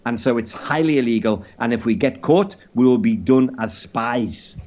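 A man putting on the voice of a calm, secretive middle-aged Swiss man, in clipped broken English with a caricature French-style accent. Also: mid-range voice, moderate pace, lo-fi sound, close to an everyday voice. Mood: hushed confiding.

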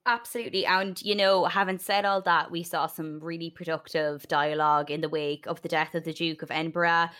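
A woman's voice: deep voice, steady tone, a little fast, few pauses, fairly bright tone. A young woman with a west of Ireland accent, talking earnestly and a little hesitantly in a casual podcast discussion. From Sligo, west of Ireland. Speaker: podcast co-host.

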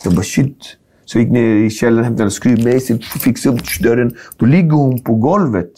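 Mellow-voiced man from a suburb. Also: mid-range voice, a little hiss or hum. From Sweden. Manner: animated, acts out dialogue, street slang, lots of filler. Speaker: guest. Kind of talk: casual storytelling in a conversation.

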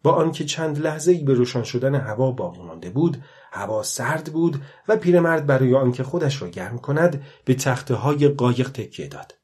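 Male audiobook narrator, measured and steady, clear scripted reading. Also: mid-range voice.

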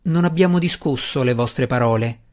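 An ancient, withered matron mother who rules the room with a few curt words, read by a man. Calm and commanding, she speaks as the final authority in an audiobook fantasy. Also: mid-range voice, moderate pace, close to an everyday voice. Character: old withered powerful dark elf matron mother. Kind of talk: audiobook reading.

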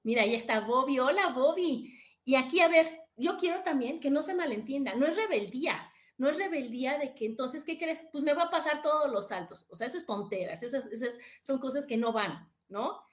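A woman's voice: high-pitched, animated, a little fast. A middle-aged woman with a Mexican accent, hosting a casual motivational live stream, chatting directly with her viewers and reading out their comments.

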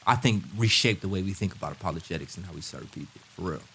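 Guy on a podcast preaching conversationally, emphatic, lowish voice, some noise behind him. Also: lively intonation, quick pace, fairly bright tone. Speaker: podcast guest. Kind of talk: impassioned conversational preaching and discussion.

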